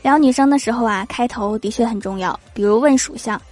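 A young woman telling comic stories about awkward chats in an amused, animated way. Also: on the high side, a little fast, faint music behind. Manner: animated, amused read-out of chat jokes. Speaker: storyteller. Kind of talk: comic storytelling.

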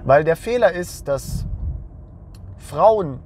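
A hoarse young man who hosts a channel talks bluntly into the camera, full of slang and repeated phrases. His voice sits fairly high, with a faint hum behind it. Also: lively intonation, takes it slowly, darkish tone. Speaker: men's lifestyle channel host.

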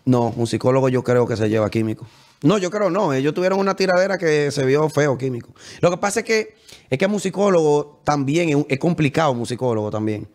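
A young man with a Dominican accent, a musician talking in a casual interview, animated and boastful, often talking over the host. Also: fairly high pitch, fairly quick.

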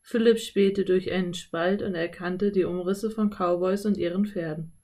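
A woman narrating a children's audiobook in a calm, clear storytelling voice. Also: lowish voice, moderate pace.

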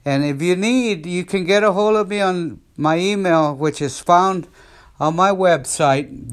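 A man preaching on a podcast as an evangelist, his voice sitting fairly high. He delivers his exhortation slowly and fervently, building each point through repetition. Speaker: missionary evangelist, podcast host.

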